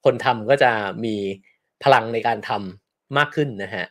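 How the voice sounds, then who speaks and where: A man's voice: mid-range voice, measured pace. A man with a Thai accent hosts a casual solo show into a close microphone, talking politely and chattily through a book and reading out listener messages. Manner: polite, chatty, ends phrases with soft particles. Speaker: podcast host.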